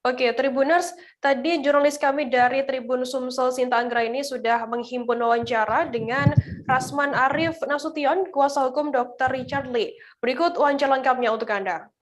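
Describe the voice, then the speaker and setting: A woman anchoring a news bulletin, reading the script in a crisp, measured way and putting questions to a field reporter. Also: sits high, steady tone.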